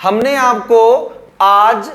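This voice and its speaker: High-voiced man teaching slowly. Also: bright, forceful tone. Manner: slow, drawn-out explanations, repeating words. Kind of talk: grammar lesson at a board.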